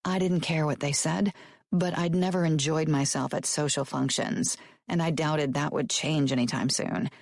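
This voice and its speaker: A woman narrating a romance audiobook in the first person, with an expressive, lively delivery. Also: deep voice, normal speed, vocal fry, no echo, studio quality.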